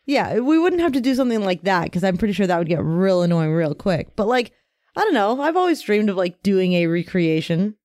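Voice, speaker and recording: A woman's voice: medium pitch, sing-song, brisk, darkish tone, dry recording, studio quality. A woman co-hosting a sports podcast in casual, enthusiastic chat, often restarting her sentences.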